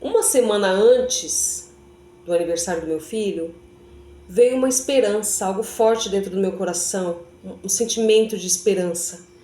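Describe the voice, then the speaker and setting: A woman's voice: medium pitch, moderate pace, mellow. A woman telling a personal faith testimony, chatty and often turning to her viewers with little tag questions. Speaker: vlogger giving a faith testimony. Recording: echoey room.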